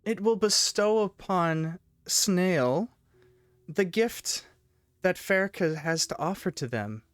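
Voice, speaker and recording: A man's voice: high-pitched, animated, slow pace, clean tone, no room sound, studio quality, voice pushed up. A man voicing a serene, evasive serpent-cult priestess with soothing, formal speech in a tabletop game. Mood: reassuring, evasive.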